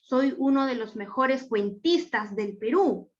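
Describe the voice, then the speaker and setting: A woman voicing a famous male writer who introduces himself in the first person, reciting slowly and deliberately with frequent tag questions. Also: fairly high pitch, expressive. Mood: proud. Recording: lo-fi online class audio.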